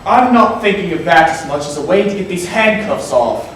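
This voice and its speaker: A man's voice: sits high, lively intonation, moderate pace, a bit bright, slight background noise. A man playing a wry hero on the run. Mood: sardonic. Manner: dry, sardonic. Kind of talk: 1940s radio acting. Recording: echoey, distant, music behind.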